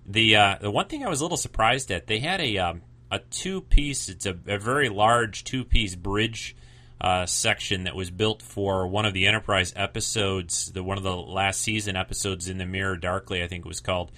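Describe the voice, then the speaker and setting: A man's voice: deep voice, moderate pace, sharp tone. A man hosting a show with casual, rambling commentary, informal and a bit hesitant. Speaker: podcast host.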